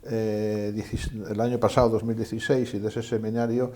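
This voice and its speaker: An older retired man from Asturias, Spain, is a guest in a conversational interview, speaking modestly and hesitantly and making light of himself. His voice is on the low side and warm, level in tone, and a little fast.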